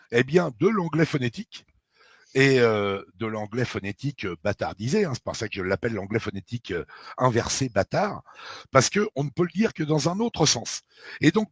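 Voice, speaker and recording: A middle-aged Frenchman talks in a casual, emphatic way, packing his speech with fillers and asides. His voice is husky and a little breathy. He is recorded close and dry, with no room echo. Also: medium pitch. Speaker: researcher of a historical mystery. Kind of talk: casual conversation.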